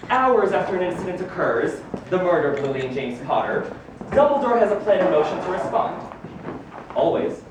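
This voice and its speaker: Playing a wizard headmaster at a live book launch, a performer reads his own biography to the gathering at normal speed, lightly acted, his medium pitch swinging broadly. He's theatrical and wryly amused in his asides. The room is echoey and noisy, recorded from a distance.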